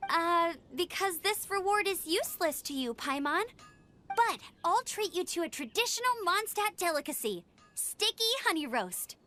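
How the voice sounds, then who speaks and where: An actress playing an eager, friendly young knight scout in a video game, earnest and upbeat. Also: female voice, very high-pitched, expressive, normal speed, pushed and bright, soft background music, heavily acted. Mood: excited, friendly. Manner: earnest, upbeat, formal when on duty.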